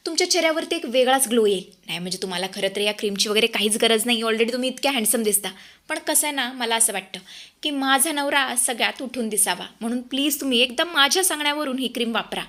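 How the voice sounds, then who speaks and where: A woman's voice: on the high side, expressive, fast, a bit bright. A woman voicing a vain young wife who gushes and wheedles. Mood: wheedling.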